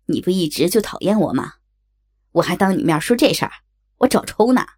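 A woman voicing a cheeky, teasing young man, lowering her voice for him. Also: expressive, a little fast, darkish tone. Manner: grins and jokes, lowered voice.

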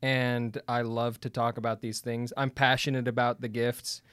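A man's voice: mid-range voice, flat delivery, normal speed, fairly bright tone, clean tone, no echo, clean studio sound. A young man co-hosting a casual podcast, easygoing and earnest, dropping "bro" and "man" as he talks. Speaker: podcast co-host. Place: home room full of books.

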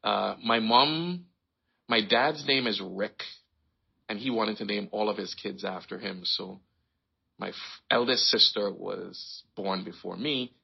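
A man raised in Trinidad and Tobago, telling his life story in a relaxed, rambling way as an interview guest. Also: low-pitched, gravelly, husky, dull audio. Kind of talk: casual conversation.

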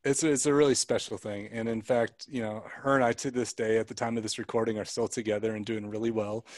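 A man's voice: lowish voice, little pitch movement, fast talker, a little mellow, dry recording. Earnest man telling a story, dry sound. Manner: earnest, reflective, many likes and restarts. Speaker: guest. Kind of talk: personal storytelling in a conversation.

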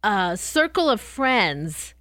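A woman's voice: mid-range voice, big pitch swings, slow pace, a bit bright, no echo, studio quality. A woman co-hosting a radio show, chatting casually and wandering through her thoughts with fillers.

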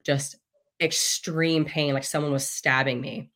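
A woman's voice: sits low, steady tone, a little slow, fairly bright tone. A woman in her thirties, a podcast guest, telling a personal story in a candid, casual way, swearing freely and laughing often.

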